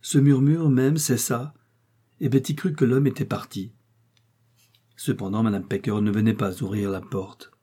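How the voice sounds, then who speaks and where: Homme à la voix sombre et voilée. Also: male voice, mid-range voice, steady tone, normal speed, dark tone, husky. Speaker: audiobook narrator. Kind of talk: audiobook reading of a novel.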